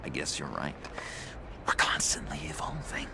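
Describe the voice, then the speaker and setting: Creaky, swooping, lovesick John Doe, the Joker. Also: male voice, rumbling low, wildly swooping pitch, whispered, full character voice. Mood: brooding. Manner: theatrical, rambling, halting, swinging between breathy murmurs and outbursts. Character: lovesick, unstable, eccentric young male criminal. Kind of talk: video game voice acting.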